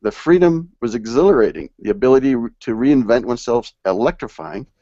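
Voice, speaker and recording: A man hosts a live panel over a video call. He reads passages aloud, pausing to lean on key words. The audio is dry and dull, like a lo-fi call recording. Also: mid-range voice, expressive, mellow, no room sound. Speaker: host of a live online panel.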